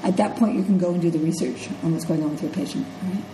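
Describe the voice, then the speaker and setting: This middle-aged nursing instructor has a congested voice that's on the low side and dark, and she speaks fast. Her classroom lecture is conversational, with frequent "okay?" and "right?" check-ins. Slight background noise accompanies the echoey room's faint ambience.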